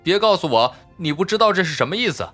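A man's voice: high voice, lively intonation, quick pace, fairly bright tone, soft background music. A man playing Klapaucius, a smug lecturing robot. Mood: scoffing. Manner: needling, lecturing tone. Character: smug, argumentative male robot constructor. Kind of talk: audiobook character voice.

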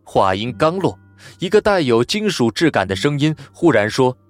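A man narrating an audiobook in a scripted, expressive storytelling style. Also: mid-range voice, moderate pace, no room sound, faint music behind.

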